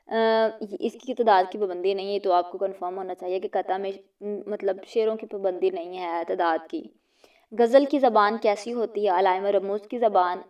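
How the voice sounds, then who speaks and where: A woman's voice: mid-range voice, darkish tone, recorded from a distance. Woman reading quiz questions aloud. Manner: reads each question and options, then states the answer. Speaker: teacher. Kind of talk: exam prep lesson reading multiple-choice questions.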